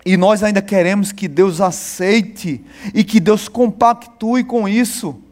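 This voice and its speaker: A pastor with a very high voice preaching an emphatic sermon. He slows down on key phrases and calls out to the congregation. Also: a little mellow.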